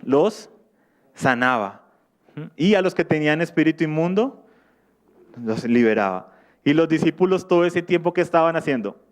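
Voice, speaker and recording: A man's voice: on the high side, animated, normal speed, pauses often. A male preacher teaching from the Bible in a sermon, reading scripture aloud and asking his listeners questions before answering them.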